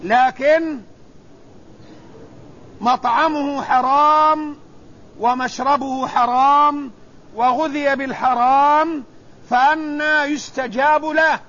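A man with a strikingly high voice preaches a religious sermon, taking his time over each phrase. He repeats key lines with solemn weight. The recording is dull and lo-fi, with faint noise underneath. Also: fairly even intonation, fairly bright tone. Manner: slow, measured delivery with solemn repetition.

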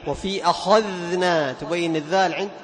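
Male recitation teacher with a high voice, leads a class, drags out example words to demonstrate sounds and asks students for answers. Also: normal speed, slight background noise. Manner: quizzes students with questions and praises answers. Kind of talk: classroom lesson on recitation rules.

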